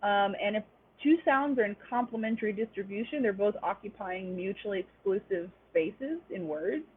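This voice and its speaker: A woman's voice: mid-range voice, normal speed, a little hiss or hum. A young woman teaching a webinar class, explaining step by step with frequent "um" fillers. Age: young adult. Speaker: webinar instructor. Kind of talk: online lecture. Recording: tinny lo-fi webinar audio.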